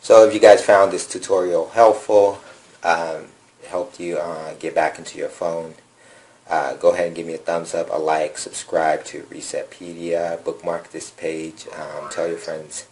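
A little hiss or hum sits under this man's low voice, which moves at a measured pace. He's a phone repair tutorial host at a table indoors, relaxedly taking viewers through each step of a phone reset with many ums and uhs.

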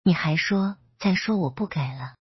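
A gentle, devoted young man, as a woman narrator puts him on in a read-aloud storybook, soft-spoken and protective. The voice is low and strongly husky, with a dry sound. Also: normal speed, dry recording, highs cut off. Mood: tender. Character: gentle devoted young male senior student.

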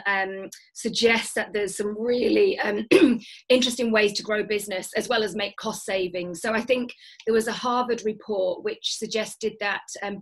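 Enthusiastic woman. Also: mid-range voice. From Lancashire, England. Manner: enthusiastic, many fillers and restarts. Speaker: guest, business founder. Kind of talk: remote interview. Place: dim home room. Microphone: video call.

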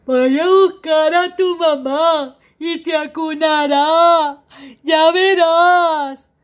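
Woman doing a slow, smiling storybook tiger. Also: very high voice, fairly even intonation, pitched above the performer's own voice, exaggerated voice. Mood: soothing. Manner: slow, drawn-out and emphatic. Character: smiling male tiger, calm and kindly.

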